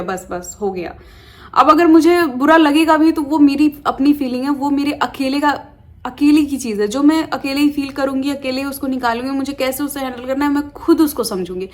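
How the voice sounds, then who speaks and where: A woman in her thirties from India, talking casually to camera as a lifestyle vlogger, earnest and pleading, rambling with restarts. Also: on the high side. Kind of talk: casual direct-to-camera talk.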